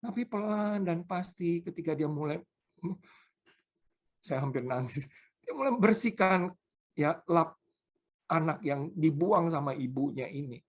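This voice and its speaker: A man's voice: a little high, lively intonation, measured pace, long pauses. A male pastor preaching a sermon, telling personal stories with emphasis.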